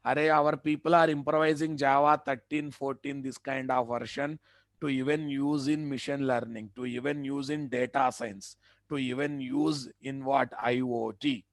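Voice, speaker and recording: This web development instructor has a mid-range, steady voice, a moderate pace, and no room sound in the recording. Speaking Indian English with a Telugu accent in a live online lecture, he repeats points emphatically and keeps asking students rhetorical questions.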